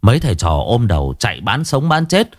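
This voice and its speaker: A man narrating a story in a lively, expressive way, then chatting casually to listeners with many fillers. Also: lowish voice, brisk, dry recording, clean studio sound.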